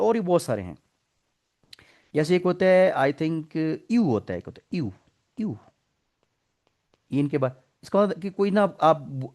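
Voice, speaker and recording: A man's voice: medium pitch, darkish tone. Pakistani man teaching an English class. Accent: Pakistani Urdu. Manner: explains patiently, asks the class questions and mixes in English terms. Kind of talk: online class lecture.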